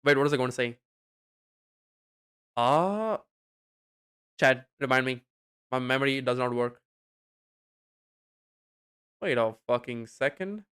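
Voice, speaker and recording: A young adult man chats with his stream chat at home through a desk mic, rambling loosely, leaning on fillers, and throwing in swear words. His smooth, clear voice is middle-pitched and fairly bright, with lively intonation. He speaks slowly and pauses often.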